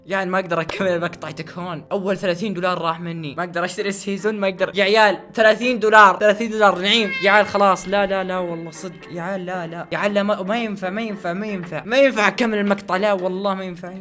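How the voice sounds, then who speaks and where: A man doing casual reaction commentary as he tries not to laugh, excitable and often repeating phrases. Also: high-pitched, very fast, hardly any pauses, soft background music. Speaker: host of a try-not-to-laugh challenge video.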